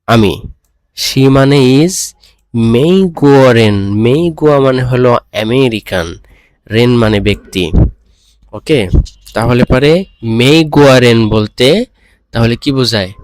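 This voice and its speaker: Man, language teacher, slow unhurried delivery, dry close sound, patient and repetitive. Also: mid-range voice, darkish tone, no echo. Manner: patient, repeats and checks understanding. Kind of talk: classroom lesson explanation.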